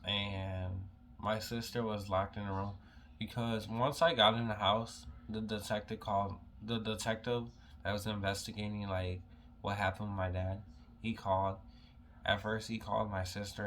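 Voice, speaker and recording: Low, flat-voiced young man, emotional. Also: slight background noise. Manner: halting, heavy use of "like" fillers, emotional. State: holding back tears. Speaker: vlogger telling a personal story. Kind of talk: casual storytelling to camera.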